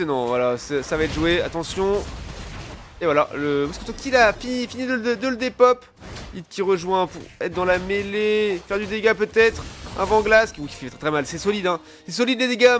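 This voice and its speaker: A man's voice: high voice, fairly bright tone. A man working as an esports caster, giving live play-by-play commentary in colloquial speech peppered with gamer slang.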